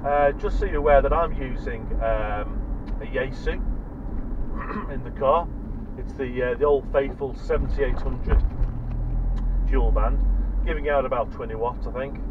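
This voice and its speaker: A British man in his forties tests two-way radios from behind the wheel, giving relaxed, off-the-cuff vlog commentary. He speaks at a medium pitch, unhurried and pausing often. Engine and road noise are loud, and the sound is dull.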